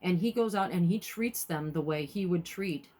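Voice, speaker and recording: A woman's voice: on the low side, moderate pace, a little mellow. A woman co-hosting a podcast, chiming in with short agreements and adding details to her husband's story. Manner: supportive, frequent short affirmations. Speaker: podcast co-host. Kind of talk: casual chat.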